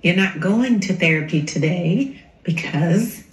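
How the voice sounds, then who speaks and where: A woman's voice: lowish voice, lively intonation, a little slow, echoey room. A woman acting a plainspoken adult caregiver who talks in a matter-of-fact way in a scripted drama clip.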